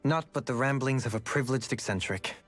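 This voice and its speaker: An actor playing a refined, gentle and eccentric former lord in a game, speaking in formal, courtly phrasing. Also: male voice, medium pitch, a little fast, faint music behind, natural voice. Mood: reflective. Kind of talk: game character dialogue.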